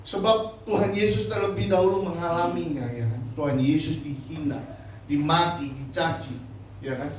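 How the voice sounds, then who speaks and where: High-voiced pastor preaching in an echoey hall. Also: male voice, normal speed, recorded from a distance, a little hiss or hum. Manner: emotional preaching, swinging from loud to hushed. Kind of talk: sermon. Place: church hall. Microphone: handheld microphone.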